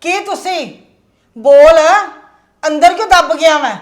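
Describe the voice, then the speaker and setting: Sex: woman. Figure: harsh mother scorning her in-laws. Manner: scolding, sharp-tongued. Pitch: high. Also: normal speed. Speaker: mother and daughter-in-law. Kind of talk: family drama acting.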